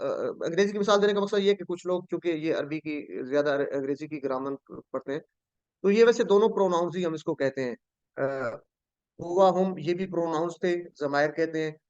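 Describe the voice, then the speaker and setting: Patient teacher on a dull, dry line. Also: male voice, on the high side, darkish tone, clean tone, no echo. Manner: patient, repeats phrases, quizzes students. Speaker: Quran and Arabic teacher. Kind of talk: online class lesson.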